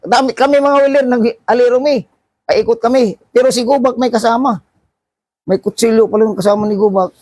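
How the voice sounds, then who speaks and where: A middle-aged man tells a story from his working life in a high voice, acting out the shouting parts. He often restarts his sentences as he goes. The recording is dry and close, with no room sound. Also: fairly quick, no room sound. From Philippines. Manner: animated anecdote with acted-out shouts and frequent restarts. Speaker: seafarer vlogger. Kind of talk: casual storytelling.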